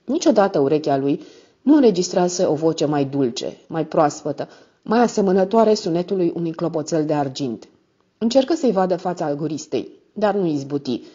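Low husky woman narrating. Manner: expressive storytelling. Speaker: audiobook narrator. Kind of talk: audiobook narration. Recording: dull lo-fi sound.

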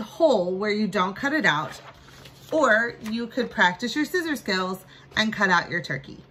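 A woman's voice: mid-range voice, pushed and bright, a little hiss or hum. A woman in her thirties giving a casual, upbeat craft demonstration for children, recorded on a phone in a small room. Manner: upbeat, addressing children as friends, with playful reveals. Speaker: children's library craft presenter. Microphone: phone at arm's length.

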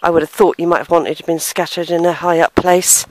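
A middle-aged woman who vlogs about family history narrates from behind a handheld camera as she walks through a country churchyard. Her voice is lowish and steady and she talks fast, thinking aloud, sighing, and reading gravestones in a hesitant, musing way. The recording is dry and the audio quality poor.

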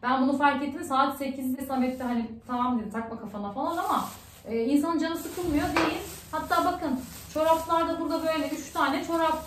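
A woman's voice: sits high, fairly even intonation, brisk, roomy sound, a little hiss or hum. A woman vlogger chatting casually at home, talking on in an upset, ranting way. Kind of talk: casual vlog chat.

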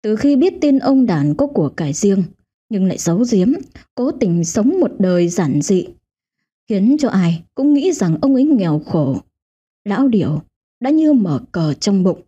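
A woman's voice: medium pitch, big pitch swings, a little slow, warm tone, slightly rough. A woman host giving scripted, dramatic narration of a ghost story. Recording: dull lo-fi audio with faint music.

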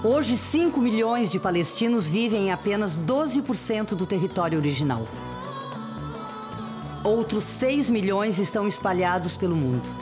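A woman narrates a documentary in a solemn, measured way. Her intonation moves a lot. Music plays clearly under her voice. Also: medium pitch, lively intonation.

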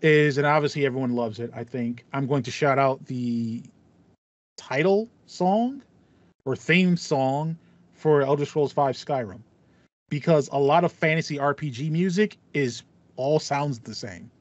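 A man in his thirties, hosting a podcast, speaks in a mid-range voice at a slightly slow pace, chatting casually while thinking aloud and repeating phrases. He records indoors in a small home room with foam panels. The sound has no echo but is dull and lo-fi, like a voice call.

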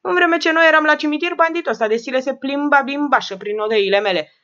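A woman voicing a shrewd, sharp-tongued rich old woman who scolds and mocks the people around her. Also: high voice, dull audio, pitched above the performer's own voice. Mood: mocking. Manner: scolding, sarcastic, bossy.

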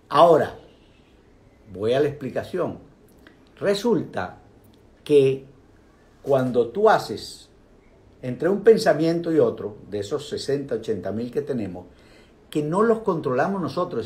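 An older man hosts a casual, conversational talk guiding viewers through meditation, addressing them directly in a relaxed, animated way. His pitch ranges widely, dropping low for emphasis as he leans into points, and he adds playful asides and vocal sound effects.

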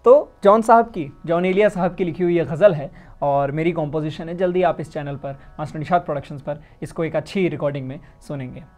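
A man, a music teacher, giving calm spoken advice on voice care to singers, often adding a tag question. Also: high-pitched. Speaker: singing teacher. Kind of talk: spoken music lesson to camera.

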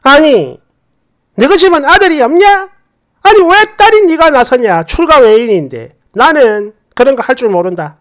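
A woman voicing a dismissive older mother-in-law on the phone, sharp and scolding. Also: fairly high pitch, sing-song, moderate pace, hardly any pauses. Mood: scornful.

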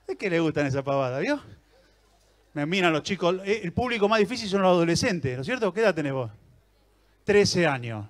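A man's voice: high voice, lively intonation, brisk. A man with an Argentine accent doing live stand-up comedy on a theater stage, teasing and chatting with the audience. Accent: Argentine Rioplatense Spanish.

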